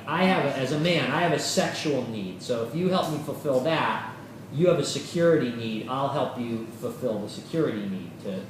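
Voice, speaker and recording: Male yoga teacher, lively informal lecture, acts out voices, swears; far-off mic in a roomy hall. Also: on the high side, slight background noise. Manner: animated, acts out quoted voices, swears casually.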